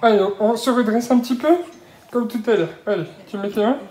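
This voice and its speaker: A young mother in a casual home vlog, talking softly and cooingly to her baby between chatty updates. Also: on the high side, steady tone, fairly quick. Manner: soft cooing baby talk.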